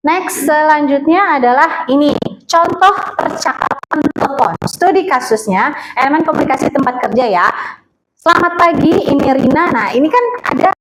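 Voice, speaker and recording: A high-voiced woman leads a classroom lesson on phone manners. She talks in a loose, chatty way, full of fillers, and keeps asking her students questions. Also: lively intonation, moderate pace, heavy background noise. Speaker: teacher.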